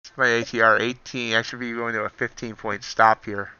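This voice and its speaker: A man's voice: mid-range voice, level tone, brisk, pushed and bright, clean tone, no room sound, muffled recording. Wry man talking through live trades. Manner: wry, self-deprecating, reads out numbers. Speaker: livestream futures trader. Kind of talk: live trading commentary, thinking aloud.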